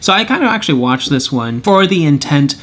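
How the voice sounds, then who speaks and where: A young man reviewing films and shows in a casual vlog, rambling and correcting himself as he talks, with pitch jumping high and low for emphasis. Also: big pitch swings, brisk, fairly bright tone, a little hiss or hum. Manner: rambling, self-correcting, chuckles often. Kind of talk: casual monthly review chat.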